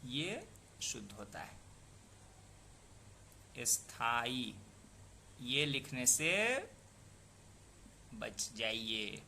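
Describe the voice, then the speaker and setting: A man's voice: mid-range voice, very slow, gravelly, long pauses, sharp tone, a little hiss or hum. A man teaching a spoken lesson on pronunciation and spelling, patiently explaining, repeating words aloud and asking the listener questions. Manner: asks the listener rhetorical questions. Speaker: Hindi language teacher.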